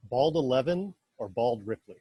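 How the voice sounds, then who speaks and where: A man hosting an interview, friendly and quizzing his guest with quick either-or questions. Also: mid-range voice, expressive, lo-fi sound, a little hiss or hum. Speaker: interview host. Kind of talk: casual interview chat.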